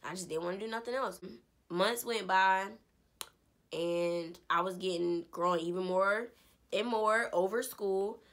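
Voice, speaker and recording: A young woman in her twenties casually telling an animated story about her life. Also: mid-range voice, measured pace. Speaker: vlogger. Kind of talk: story time vlog.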